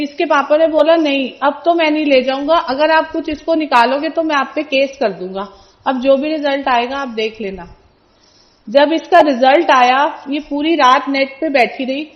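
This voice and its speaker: A middle-aged woman shares a personal testimony at a satsang, retelling family events in an animated storytelling way. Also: sits high, dull audio. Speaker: devotee sharing testimony.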